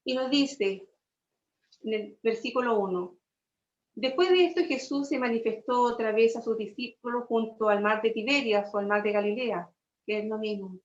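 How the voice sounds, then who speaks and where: A woman's voice: a little high, moderate pace. A woman with a Chilean accent, preaching a sermon to her congregation and tagging nearly every phrase with a questioning aside. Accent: Chilean Spanish. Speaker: church preacher. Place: church hall. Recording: echoey church room, dull lo-fi sound.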